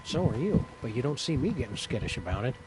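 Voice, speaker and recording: Deadpan cartoon dog detective, voiced by a man, lively intonation. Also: mid-range voice, quick pace, very noisy, natural voice. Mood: chummy. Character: unflappable male cartoon dog detective, mild and dry. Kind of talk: animated comedy game dialogue. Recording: loud music behind the voice.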